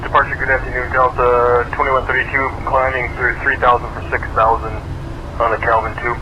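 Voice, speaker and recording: A man speaking as an airline pilot over a cockpit radio transmission, giving clipped, flat readbacks. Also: mid-range voice, fairly quick. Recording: noisy radio channel, distant.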